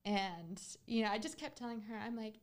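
A woman's voice: a little high, expressive, normal speed. A woman hosting a podcast, talking casually and earnestly as she tells a client story. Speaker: podcast host, real estate agent.

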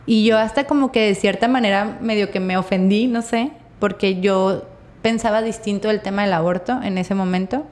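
A woman with a Mexican accent, co-hosting a podcast and telling a personal story in a casual, animated, slangy way. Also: mid-range voice, moderate pace. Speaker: podcast co-host.

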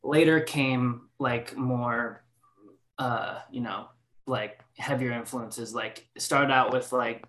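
A man's voice: medium pitch, fairly even intonation, slow, fairly bright tone. A man in his late twenties, a band's singer, answering questions in a casual podcast interview, rambling with lots of fillers and restarts. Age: 20s. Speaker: band singer.

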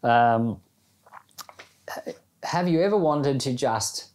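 With drawn-out words, lively intonation, and a darkish mid-range voice, a man speaks as a pastor on a Bible podcast. He offers commentary and prayer in an informal, reflective devotional style, using plain conversational language and everyday examples.

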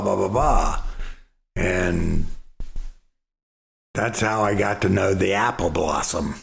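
A man's voice: lowish voice, gravelly, roomy sound. A middle-aged man telling a story in a folksy, rambling way, repeating words as he goes. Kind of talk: casual storytelling.

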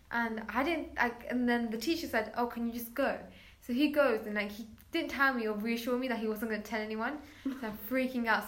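A woman's voice: fairly high pitch, a bit bright. A woman telling a personal story as a guest in casual chat, chatty, with many filler words, acting out quoted lines.

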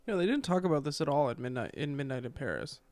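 A man co-hosting a casual podcast, chiming in with short, playful remarks and quick questions. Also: a little high, expressive, a little mellow. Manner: quick quips, playful interjections. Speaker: podcast co-host.

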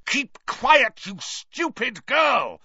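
A narrator puts on a bitter, sneering schoolmaster whose voice slides from a low silky hiss up to shrill, unhinged shrieks. The sound is bright and cutting, set on a dull, dry, lo-fi recording. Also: male voice, big pitch swings, a little slow, no echo, full character voice. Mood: shrieking rage. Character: bitter sneering male teacher, middle-aged.

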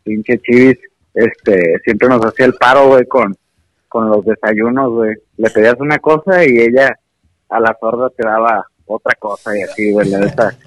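A man's voice: lowish voice, fairly even intonation, moderate pace, no echo. Man on a phone call, Mexican accent. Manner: laid-back and slangy. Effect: heard over a phone call. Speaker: friend called live on the phone. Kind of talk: casual chat.

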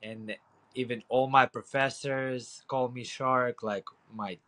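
A man's voice: medium pitch, fairly even intonation, slow pace, fairly bright tone, rough recording. Ukrainian-accented man chatting casually. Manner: rambling, frequent fillers and profanity. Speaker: guest, boxing coach. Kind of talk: casual interview.

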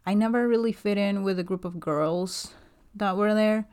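A woman in her thirties from Guatemala, talking alone in a casual podcast monologue, soft-spoken and hesitant, with many fillers and restarts. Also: mid-range voice, moderate pace, clear, resonant tone. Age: 30s. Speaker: podcast host.

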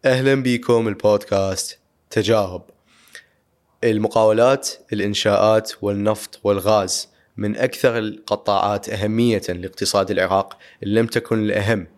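Quick low-voiced Iraqi host. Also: male voice, fairly even intonation. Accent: Iraqi Arabic. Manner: brisk, with frequent filler sounds. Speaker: podcast host. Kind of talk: scripted introduction.

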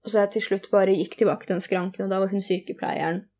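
A woman's voice: mid-range voice, little pitch movement, a little mellow. A young woman telling a personal story in conversation, earnest and candid, retelling each exchange in detail.

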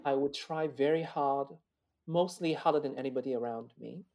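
Interviewed as a guest, a Chinese opera singer with a high male voice of darkish tone speaks at a moderate pace. He is earnest and reflective, regularly restarting and repeating words.

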